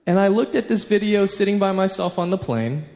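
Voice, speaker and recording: A man in his thirties gives a live faith talk in short, earnest phrases, slipping in dry jokes at his own expense. His voice sits a bit high for a man, and it rings out with a long hall reverb. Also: animated, fairly quick, a little mellow. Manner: earnest, with light self-mocking humor.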